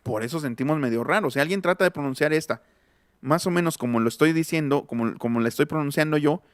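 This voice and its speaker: Guy giving a casual phonetics class, slightly high voice, laughs a lot and sounds out words, close dry mic. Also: fast talker, no echo. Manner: chatty, laughs often, demonstrates sounds. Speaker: linguistics teacher. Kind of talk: casual online lesson.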